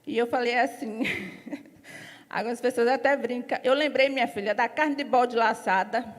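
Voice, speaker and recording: A woman giving her testimony in a church service, telling her story lively, acting out what others said, and growing loud and emphatic as she preaches. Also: on the high side, normal speed. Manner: storytelling, acts out other people's lines in quotes. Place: church hall. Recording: long hall reverb.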